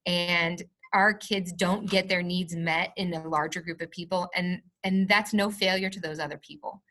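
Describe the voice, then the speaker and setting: A woman's voice: on the low side, steady tone, normal speed, bright, forceful tone. A woman, a school administrator, speaking earnestly and passionately in a podcast interview. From Missouri, USA. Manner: earnest and passionate, stressing words. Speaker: alternative school administrator, guest.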